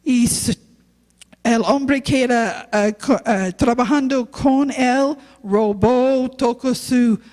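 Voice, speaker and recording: Woman preacher, slow halting sermon in a church with long reverb. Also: fairly high pitch, darkish tone. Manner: halting non-native Spanish, slow and earnest. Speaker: guest preacher, youth pastor. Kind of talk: sermon with personal testimony.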